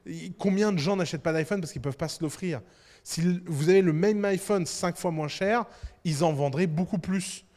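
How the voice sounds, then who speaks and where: High-voiced animated male lecturer. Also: normal speed. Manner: animated, provocative, talks to the audience directly. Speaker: business conference speaker. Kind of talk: lecture to entrepreneurs. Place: conference hall. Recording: reverberant conference hall.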